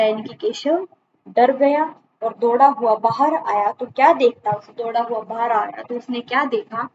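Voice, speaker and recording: A woman teacher explaining a schoolbook story to children, reading each sentence and then saying it again in simpler words. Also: on the high side. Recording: dull lo-fi recording with steady background noise.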